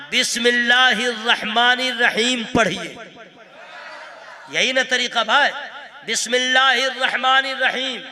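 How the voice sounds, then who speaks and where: A man's voice: very high-pitched, bright, forceful tone. A man preaching at a religious gathering, playful and laughing as he coaxes the crowd, mixing in Bengali phrases and breaking into sung verses. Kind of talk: jalsa sermon with sung verses. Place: open-air religious gathering.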